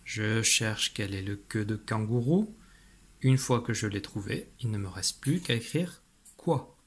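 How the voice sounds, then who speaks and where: A man's voice: fairly low pitch, animated, measured pace, husky. A man teaching young children in a recorded video lesson, giving patient step-by-step instructions as he writes on a slate.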